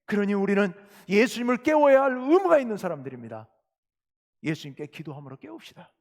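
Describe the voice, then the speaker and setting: A man preaching from the pulpit, his voice riding high and swinging widely as he questions and exhorts his congregation. The sound carries a long reverb from the church sanctuary. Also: sing-song, brisk, a little mellow. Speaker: pastor. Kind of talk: sermon.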